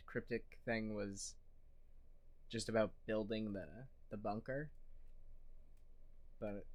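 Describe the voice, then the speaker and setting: A man's voice: medium pitch, a little mellow. A man commenting casually and sarcastically on a video while streaming, with dry jokes and casual swearing.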